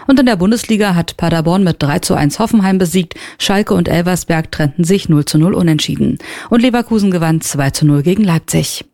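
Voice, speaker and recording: A woman reading the radio news in an even, formal manner. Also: lowish voice, a little fast, few pauses. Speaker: newsreader. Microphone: studio mic.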